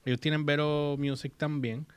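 A man's voice: fairly high pitch, little pitch movement, normal speed, clean tone, no echo. A man hosting a casual chat, mixing in English words and reading English text aloud. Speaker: host.

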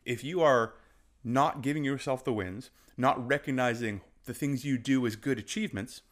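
A man's voice: medium pitch, normal speed. Casting note: male fitness coach with a mid-range voice, emphatic motivational delivery. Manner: passionate, emphatic, repeats for stress; moves about while talking. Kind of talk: motivational talk to camera.

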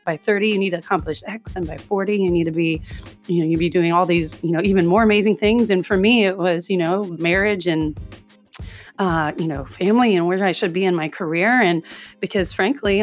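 A woman in her forties hosting her own podcast, chatting casually and directly to her listeners with a hoarse, scratchy voice from a recent illness. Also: mid-range voice, fairly even intonation, brisk, soft background music. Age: 40s. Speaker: podcast host. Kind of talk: casual solo podcast monologue.

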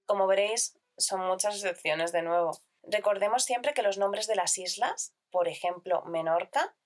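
This is a scripted grammar lesson from a female Spanish teacher whose voice sits at a medium pitch. She teaches calmly, explaining clearly and at a measured pace with a series of listed examples.

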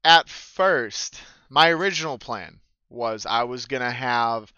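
A man's voice: medium pitch, takes it slowly, sharp tone, smooth, no echo, muffled recording. A man, the dungeon master, casually retelling a tabletop session, rambling with fillers and swearing freely. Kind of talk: casual storytelling chat.

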